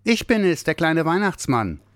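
A man voicing a small, excitable young Santa Claus in a storybook reading. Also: on the high side, moderate pace, no echo, pitched above the performer's own voice. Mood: eager.

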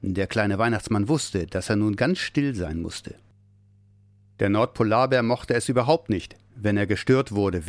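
Lively low-voiced male storyteller. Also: dry recording. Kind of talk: scripted narration of a children's story.

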